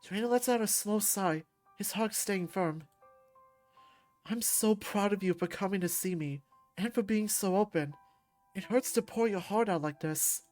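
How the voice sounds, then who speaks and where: A woman voicing a gentle, caring male therapist, speaking softly and earnestly over faint music. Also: medium pitch, close to an everyday voice. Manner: soft, soothing, slow and earnest.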